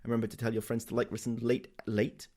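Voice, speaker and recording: A man's voice: mid-range voice, monotone, fast, dark tone. Rambling man podcasting. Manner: rambling, chuckling, trips over words. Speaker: podcast co-host. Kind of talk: casual chat.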